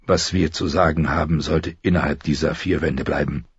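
A man voicing a wounded, weary lord who speaks quietly and gravely with icy politeness. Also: extremely low pitch, fairly even intonation, moderate pace, no echo, dull audio, full character voice.

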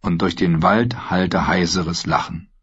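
A man narrating an audiobook with a steady, dramatic reading. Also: low voice, measured pace, breathy edge. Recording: dull lo-fi recording.

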